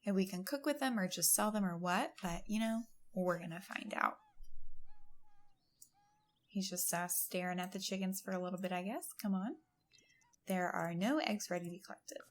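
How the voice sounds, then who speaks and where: A woman's voice: medium pitch, moderate pace. A woman hosting a let's-play, giving chatty, giggly gameplay commentary and laughing often. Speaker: gaming channel host.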